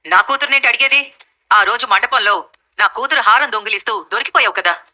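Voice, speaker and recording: A woman's voice: fairly high pitch, brisk, bright, forceful tone, low-quality recording. An actress playing a scheming, sarcastic middle-aged mother-in-law in a TV serial. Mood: scornful. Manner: sarcastic, scornful. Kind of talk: TV serial acting.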